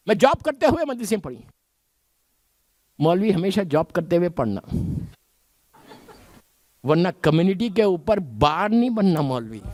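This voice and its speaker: A middle-aged cleric with a very high voice preaches an emphatic majlis sermon full of rhetorical questions. The sound is dry and close-miked.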